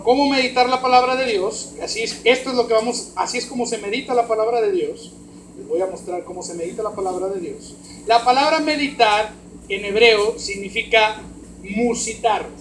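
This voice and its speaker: Mexican male pastor, emphatic sermon, roomy hall with faint hiss. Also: very high voice. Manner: swings from hushed to loud, emphatic preaching. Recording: roomy hall echo, faint background noise.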